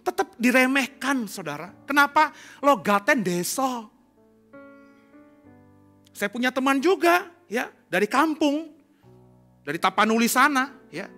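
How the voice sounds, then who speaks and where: A man preaching a sermon as pastor, speaking plainly and putting rhetorical questions to his congregation, swinging between emphatic and hushed delivery. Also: high voice. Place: church congregation.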